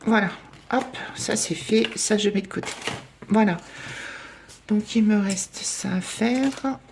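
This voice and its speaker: A woman talks through her savings challenges in a relaxed, chatty way. She hesitates often, pokes fun at herself, and counts coins out loud at a mid pitch. A steady hiss sits under the recording. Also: slow pace, gravelly. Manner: chatty, self-deprecating, lots of hesitations and counting aloud. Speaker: budget vlogger. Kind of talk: casual chat while doing savings challenges.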